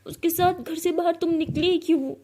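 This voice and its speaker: A woman's voice: sits high, fairly quick, background noise. A woman voicing a fierce, hot-tempered young woman who scolds and threatens in angry outbursts. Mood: scolding.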